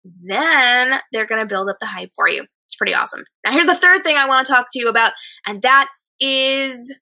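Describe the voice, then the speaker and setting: A slightly hoarse woman hosting a chatty advice show, speaking emphatically and repeating phrases in lists. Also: sits high, lively intonation, moderate pace, sharp tone. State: slightly hoarse, losing her voice. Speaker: host of an advice show for authors. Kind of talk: chatty advice monologue to viewers.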